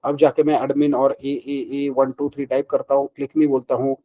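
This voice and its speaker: Male coding instructor, warm mellow tone, chatty, answers his own questions. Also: mid-range voice, little pitch movement, normal speed, highs cut off. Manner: mixes Hindi and English, asks and answers his own questions; conversational, frequent fillers like "ठीक है" and "ना". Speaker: programming instructor. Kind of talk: screen-recorded coding lesson.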